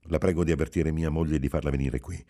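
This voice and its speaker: A man reading aloud plays a reserved young husband who speaks in a measured, reasonable tone. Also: a bass voice, steady tone, warm tone. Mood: guarded. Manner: reasonable, restrained tone.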